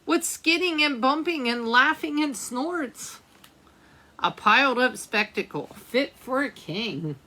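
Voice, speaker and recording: This storytime reader, a librarian, works through a picture book for children and speaks to them directly with questions and side comments. Her voice sits high and sounds sharp, lively, and unhurried.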